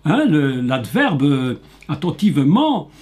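A man preaching a sermon, emphatic, repeating phrases, slowing to stress key words and rising to shouts at the climaxes. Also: fairly high pitch, sing-song.

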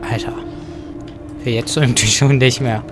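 A man commenting casually on a horror game as he plays it, joking to himself, dropping to whispers at tense moments and breaking into loud outbursts. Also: medium pitch, steady tone, normal speed, background noise. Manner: joking running self-talk, sudden loud outbursts. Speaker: let's play gamer. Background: faint game music.

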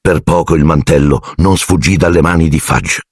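A male audiobook narrator with a deep, husky voice tells the story expressively at a moderate pace. The recording is studio quality with no room sound.

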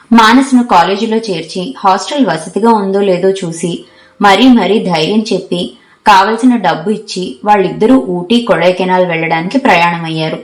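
A woman narrating an audiobook novel in a steady, even storytelling manner. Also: mid-range voice. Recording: echoey room.

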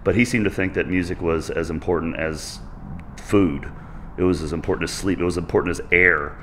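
A man in his thirties chatting casually to camera for a fitness vlog, goofy and excitable, jumping between loud bursts and low asides. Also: a little fast, a little hiss or hum. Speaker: fitness vlogger. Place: echoey home gym. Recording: echoey room.

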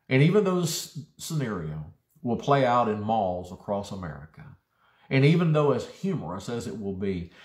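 Low-voiced pastor preaching with pauses. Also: male voice. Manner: dramatic pauses, phrases broken up for emphasis. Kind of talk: sermon. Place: church. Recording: roomy echo.

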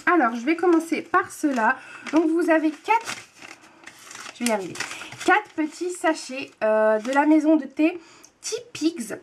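Gushing high-voiced young woman vlogger. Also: expressive, measured pace, long pauses, slight background noise. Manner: chatty and gushing, repeats words for emphasis. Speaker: book and tea vlogger. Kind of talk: casual unboxing chat to camera.

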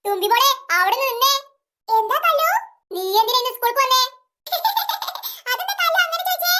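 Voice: very high voice, expressive, moderate pace, pushed and bright, full character voice. A voice actor playing bossy little schoolgirls in a cartoon, chirpy and scolding. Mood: teasing. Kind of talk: cartoon voice acting.

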